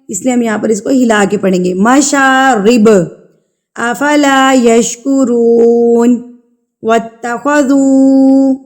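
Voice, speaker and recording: A woman teaching Quran recitation, chanting verses slowly and drawn out, then explaining the rules quickly and patiently, repeating key terms. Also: a little high, darkish tone. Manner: patient instructional tone, repeats rule names. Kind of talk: tajweed lesson, slow drawn-out recitation with quick explanations in between.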